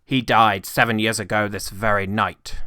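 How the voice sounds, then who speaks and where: A man voicing a gruff, miserly old businessman with a curt, scornful, growling delivery in a storybook reading. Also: fairly low pitch, flat delivery, normal speed, pushed and bright, dry recording, clean studio sound. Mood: cold sarcasm. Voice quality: growling, muttering. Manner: curt, cold, dismissive.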